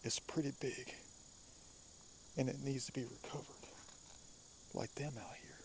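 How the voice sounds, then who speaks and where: A man's voice: mid-range voice, fairly even intonation, a little slow, creaky, noisy background. Man whispering outdoors by the water. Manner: often whispering, curious and hushed. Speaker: outdoor vlogger. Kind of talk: hushed outdoor vlog narration.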